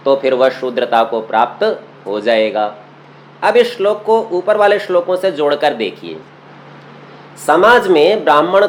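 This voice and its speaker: A man's voice: a little high, slight background noise. A man teaching a scripture study class, explaining verse by verse and often asking rhetorical questions. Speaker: religious teacher. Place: courtyard of a memorial hall.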